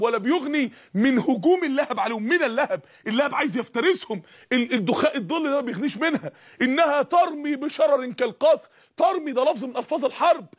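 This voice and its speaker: A man with an Egyptian Arabic accent preaching a fiery sermon, firing rhetorical questions and rising to shouts. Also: very high-pitched.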